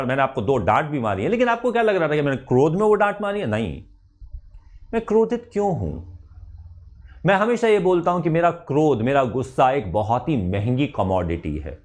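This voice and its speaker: A middle-aged man, a chemistry teacher, giving an emphatic motivational talk to exam students, asking rhetorical questions and slipping English phrases into his speech. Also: fairly high pitch.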